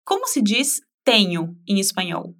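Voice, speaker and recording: A woman teaching a spoken language lesson, patiently modeling phrases slowly for the listener to repeat. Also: mid-range voice, very animated, very noisy.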